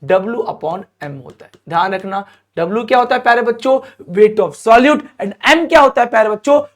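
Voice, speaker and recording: High-voiced man teaching a lively lesson. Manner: lively, coaxing, often asks students questions; stretches out key terms slowly. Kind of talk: classroom lecture to students.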